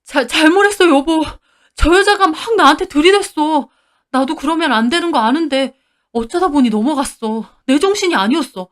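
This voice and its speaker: A man's voice: very high voice, normal speed, fairly bright tone, pitched above the performer's own voice. A woman voicing a cheating husband who pleads and makes defensive excuses in a storytold drama. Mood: pleading.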